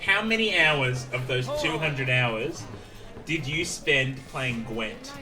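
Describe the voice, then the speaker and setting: A man's voice: medium pitch, expressive, slow, far from the mic, over music. Teasing man on a gaming stream. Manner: teasing, joking storyteller. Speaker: co-host. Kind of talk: casual gaming stream banter.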